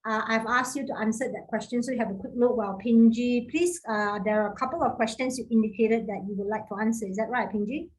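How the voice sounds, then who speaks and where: Brisk, higher-pitched woman moderating a panel. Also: fairly even intonation, a little hiss or hum, low-quality recording. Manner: brisk, directs speakers by name. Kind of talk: online panel discussion.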